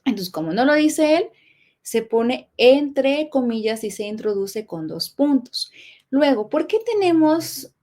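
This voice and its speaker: A woman's voice: high voice, very animated, measured pace, a little mellow. A woman teaching a lesson on punctuation, explaining patiently with fillers and checking questions.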